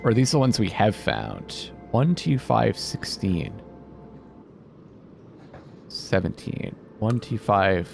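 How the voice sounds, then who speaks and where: Low-leaning and creaky, this man's voice swings hugely in pitch, moving at a slow pace with long pauses. As a gaming video host, he gives casual let's-play commentary over game music, muttering, thinking aloud, and reading bits out.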